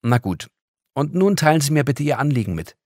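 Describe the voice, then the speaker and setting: A man voicing a brisk, irritable young woman who snaps at a strange visitor. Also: medium pitch, very animated, a little mellow, no room sound, clean studio sound, pitched above the performer's own voice, close to an everyday voice. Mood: businesslike. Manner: snappy, indignant.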